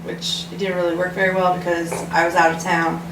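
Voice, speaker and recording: A woman's voice: lowish voice, monotone, fairly quick. A woman co-hosting a casual podcast, chatty and giggly, putting questions to her friends. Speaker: podcast co-host. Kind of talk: casual chat. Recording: echoey room, distant mic, audible noise.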